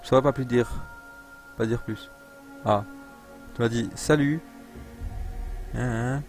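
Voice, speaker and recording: A man's voice: medium pitch, fairly even intonation, slow pace, soft background music. A young man live-streaming a game, chatting casually, reading chat aloud and joking around with playful accent attempts. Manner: rambling, reads chat aloud, jokes and tries out accents.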